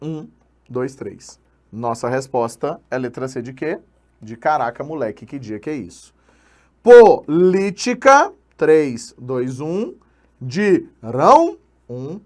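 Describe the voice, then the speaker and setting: A man with a Brazilian accent teaching an online exam-prep lesson, energetic and slangy, counting syllables aloud. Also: fairly high pitch. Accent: Brazilian Portuguese.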